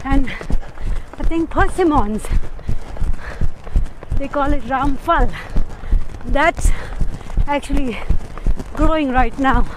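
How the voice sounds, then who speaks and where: A woman speaking in short measured phrases while jogging outdoors, chatting casually for a vlog. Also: high-pitched. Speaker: health and fitness coach. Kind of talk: casual running vlog chat. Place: outdoors on a hilly mountain road. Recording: clear outdoor background noise.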